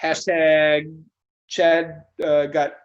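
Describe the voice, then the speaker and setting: A man with a slightly high voice runs a casual online cocktail class. He talks like a bartender among friends, loose and joking, with the odd casual swear. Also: monotone, drawn-out words, lo-fi sound.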